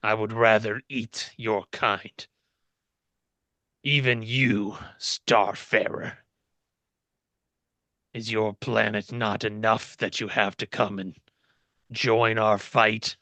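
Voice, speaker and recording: Haughty, gravelly ancient fallen king acted by a man. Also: on the low side, fairly even intonation, pushed and bright, no echo, exaggerated voice. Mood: menacing. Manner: haughty, menacing, slow declamation. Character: proud, bitter, centuries-old fallen fantasy king, contemptuous of humans. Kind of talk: game master narrating in character.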